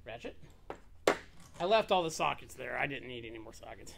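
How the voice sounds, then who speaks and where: A man in a workshop casually showing tools he bought, speaking plainly and trailing off quietly at the ends of thoughts. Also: mid-range voice, animated, a little fast, creaky, a little hiss or hum. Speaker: shop owner showing a tool haul. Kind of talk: casual show-and-tell narration. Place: workshop bench.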